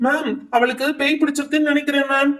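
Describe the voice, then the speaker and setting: Meek pleading pupil, voiced by a woman, slightly high, roomy and off-mic. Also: little pitch movement, quick pace, a bit bright. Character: nervous schoolchild pupil. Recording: echoey room, distant mic.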